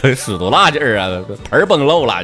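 Lively Northeastern Mandarin comedian man. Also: medium pitch, fast talker, noisy background. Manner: chatty storyteller with dialect slang. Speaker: stand-up comedian. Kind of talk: comic joke telling.

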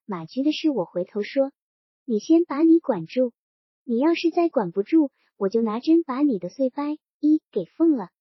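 A woman's voice: high-pitched, animated, normal speed, no room sound. Woman reading as a stern, toothless old grandmother. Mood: scolding. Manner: scolding, coarse and blunt. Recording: dull lo-fi recording.

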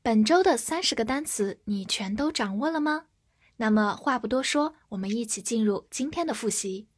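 A woman English teacher opening a vocabulary lesson in a bright, upbeat manner. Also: fairly high pitch, expressive, moderate pace, husky. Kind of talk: cheerful lesson intro. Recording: music playing behind.

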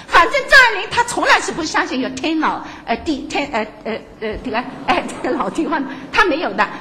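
Animated older woman lecturing, laughing often. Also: high voice, slight background noise. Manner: laughs often, many fillers and restarts, animated. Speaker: writer giving a talk. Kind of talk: lively lecture to an audience.

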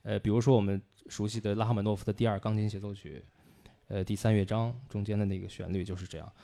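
A man's voice: lowish voice, steady tone, fast talker, vocal fry, warm tone. A man co-hosting a livestream about classical music, explaining patiently with frequent hesitations.

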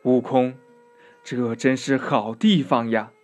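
A man voicing a gentle, timid monk who speaks softly and anxiously in a children's story. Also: medium pitch, fairly even intonation, slow, faint music behind, pitched below the performer's own voice, close to an everyday voice. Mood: worried. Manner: soft, worried.

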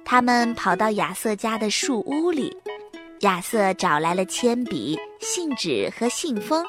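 Expressive woman reading a children's story. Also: on the high side, a little slow, over music. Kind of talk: children's audiobook narration.

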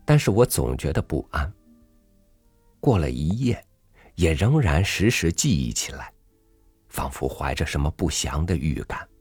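A man narrating a literary story in a measured, reflective reading. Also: a bass voice, sing-song, darkish tone, breathy edge, no room sound, soft background music.

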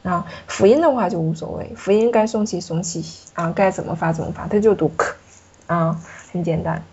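Woman, low husky voice, patient French pronunciation teacher, dull lo-fi sound. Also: brisk, darkish tone. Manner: patient, explanatory, demonstrates sounds. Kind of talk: pronunciation lesson.

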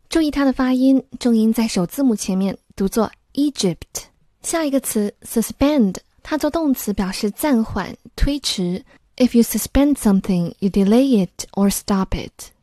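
Female English teacher, methodical voice-over lesson, mellow and a little high, dry close mic. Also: lively intonation, dry recording. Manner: clear, methodical explaining; switches between Mandarin explanation and slow English reading. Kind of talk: scripted English lesson narration.

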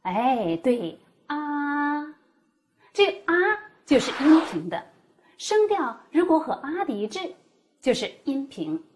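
A woman explaining Mandarin tones as a teacher, demonstrating each tone with exaggerated pitch. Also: very animated, takes it slowly, darkish tone. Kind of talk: scripted teaching dialogue.

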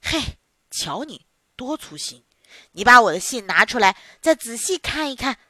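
Storybook part: narrator voicing a doting old grandmother, fussy and gentle, dry close voice. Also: a little high, very animated, normal speed, no room sound, exaggerated voice. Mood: scolding gently. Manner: fussing, scolding gently. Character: fussing kindly old grandmother.

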